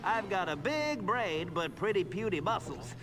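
A man's voice: high voice, sing-song, moderate pace, poor audio. A man voicing an eager, chatty little animal villager in a video game. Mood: excited, earnest. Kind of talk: video game character acting.

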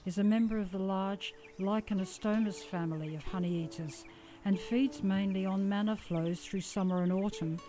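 A woman with an Australian accent giving calm, scripted nature documentary narration as a voice-over. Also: medium pitch, moderate pace.

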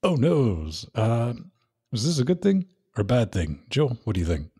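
A man's voice: mid-range voice, big pitch swings, moderate pace, warm tone, breathy edge. A man hosting a casual podcast, joking and sarcastic as he runs the talk. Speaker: podcast host. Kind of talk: casual chat.

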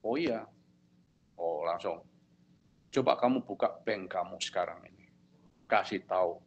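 A man's voice: unhurried, slightly rough, highs cut off. A man preaching a sermon as pastor, telling a story and acting out both sides of a conversation, often checking whether the congregation follows. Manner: storytelling preacher, acts out dialogue with lively pitch jumps; asks the congregation if they follow.

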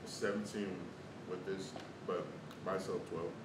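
A man's voice: little pitch movement, measured pace. A man in his twenties with an American accent, chatting casually about food and chewing while talking. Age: 20s. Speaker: food reviewer. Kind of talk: casual food review chat. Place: small bare room at a table, indoors. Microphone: camera several feet away. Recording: echoey room, distant mic, clear rumbling noise.

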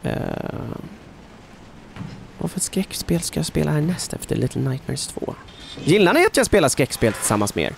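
Narrating a horror game for his channel, this YouTuber never lets the commentary lapse, alternating quiet whispers with sudden loud yelps. His voice sits on the higher side, very animated and full of vocal fry, with background noise behind it.

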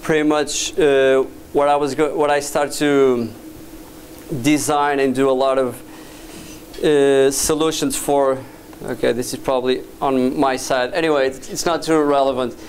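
Recorded by a distant camera at the back of a dim lecture hall with a projector screen, a guest speaker from Portugal in his thirties presents casually but haltingly. He's a VJ and doctoral student who speaks at a medium pitch with little variation, filling his talk with hesitations and restarts, while slight background noise is audible.

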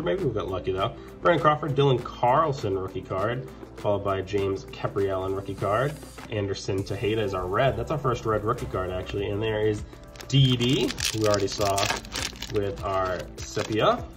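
A man chatting casually as he opens trading card packs, calling out each card and getting upbeat at the good ones. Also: on the low side. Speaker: card collector opening packs. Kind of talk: casual pack-opening commentary. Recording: background music under the voice.

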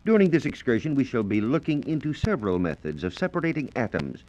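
Recorded on a dull, lo-fi 1940s radio transcription disc, an American-accented man presents a formal, carefully worded scripted science lecture in period radio style. His mid-range voice has a darkish tone and is very animated and fast.

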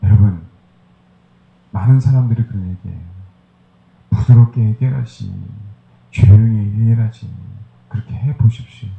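A man's voice: fairly low pitch, moderate pace, gravelly, pauses often, reverberant, narrow, tinny audio. A male pastor preaching a sermon, hammering his points with rhetorical questions to the congregation.

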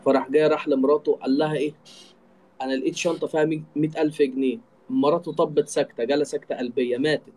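Hosting a live stream from an indoor room over a live video call, a man with an Egyptian Arabic accent chats casually, joking and teasing. His voice is a little high and darkish, steady in tone, and he talks at a racing pace. The recording is rough.

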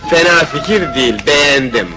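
A man's voice: a little high, moderate pace, lightly acted, rough recording. A man acting a bossy, irritable, blustering royal vizier in a fairy-tale film. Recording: old film soundtrack with music.

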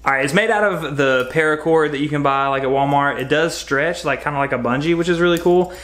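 This man's voice sits a little high and comes out fairly quickly, with a touch of brightness. He's a fishing vlogger in his thirties, chatty and upbeat, reviewing gear for a casual home vlog recorded in his garage on a close camera mic.

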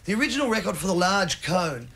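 Rambling comedian, high voice. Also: male voice, fast talker, slightly rough. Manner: rambling, animated, breaks into shouted bits. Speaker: stand-up comedian. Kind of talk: stand-up storytelling. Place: comedy stage before an audience. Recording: live stage recording with noise.

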